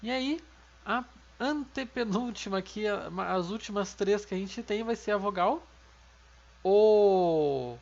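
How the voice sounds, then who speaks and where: A woman's voice: medium pitch, lo-fi sound. A woman with a Brazilian Portuguese accent teaching a language lesson patiently, explaining step by step and often checking in with her students. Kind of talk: online video lesson.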